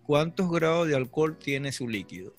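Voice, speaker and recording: A Venezuelan man hosting a casual chat with friends, slangy and joking, often breaking into loud laughter. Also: on the high side, lively intonation, moderate pace, faint music behind. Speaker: podcast host. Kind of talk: casual banter among friends.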